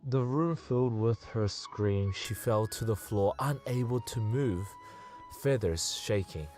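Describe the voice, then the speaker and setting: A man narrating a story on a radio show, in a measured storytelling voice. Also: on the low side, animated, music in the background. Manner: measured narration, quick laughing chat. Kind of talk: scripted narration and casual chat.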